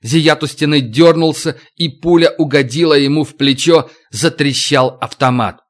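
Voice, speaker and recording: A man narrating an audiobook in a steady, dramatic reading. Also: a little high, moderate pace. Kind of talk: scripted narration.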